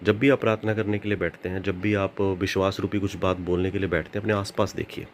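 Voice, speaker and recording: A man's voice: low-pitched, flat delivery, quick pace, a little hiss or hum. A man preaching an earnest sermon as a pastor, repeating phrases and slipping into English now and then.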